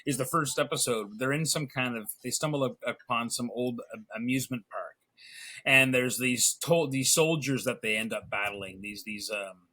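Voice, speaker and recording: A man who works as an illustrator, chatting as a podcast guest and telling stories about old cartoons with growing excitement. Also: medium pitch, moderate pace. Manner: animated storyteller, gets excited.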